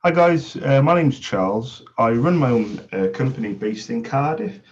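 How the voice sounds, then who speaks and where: A man's voice: medium pitch, expressive, normal speed. A man leaving a short voicemail message, hesitant with filler sounds. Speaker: caller. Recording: dull lo-fi recording.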